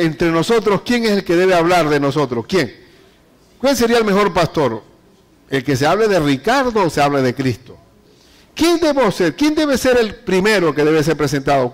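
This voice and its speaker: A man with a high voice preaching to his congregation. He reads scripture slowly and deliberately, then presses his listeners with emphatic rhetorical questions. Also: very animated, long reverb tail. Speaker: pastor. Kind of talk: sermon.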